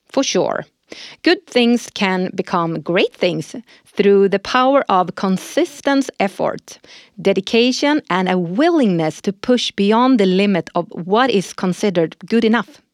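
A woman's voice: medium pitch, expressive, a little slow, dry recording, clean studio sound. A woman hosting a corporate podcast who reads prepared lines and agrees with her co-host. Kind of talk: scripted corporate podcast dialogue.

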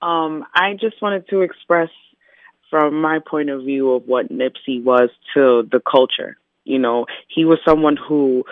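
A woman calling in to a live talk show over a clipped phone line, making an earnest, measured point with a few fillers. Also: deep voice, dry recording. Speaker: caller. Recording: tinny, narrow-band phone line.

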